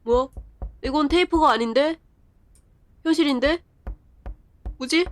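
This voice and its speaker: A woman live-streaming a horror game, chatting and reading the game's text aloud as she plays. She often breaks into quick strings of repeated exclamations. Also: sits high. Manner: bursts of rapid repeated exclamations.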